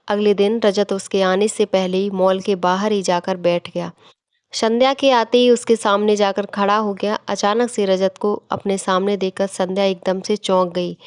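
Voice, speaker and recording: A woman reading a scripted moral story aloud in an even, measured way. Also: mid-range voice, clear, resonant tone, dry recording, clean studio sound. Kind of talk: scripted narration.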